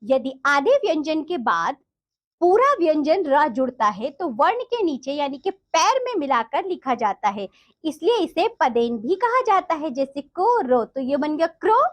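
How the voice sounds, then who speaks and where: A woman teacher going through a textbook lesson for young children, explaining slowly and repeating the answers. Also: sits high, big pitch swings.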